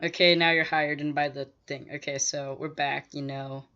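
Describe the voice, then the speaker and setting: A man's voice: on the high side, flat delivery, moderate pace, pushed and bright, dull audio. A male co-host of a gaming channel chatting casually over gameplay, telling a story in an easygoing way with many fillers.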